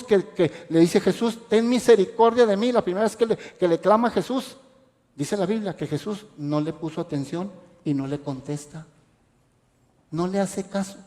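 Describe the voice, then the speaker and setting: A man's voice: sits high, a little mellow. A man, preaching a radio sermon as pastor with passionate rhetorical questions. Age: adult parent. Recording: echoey hall reverb.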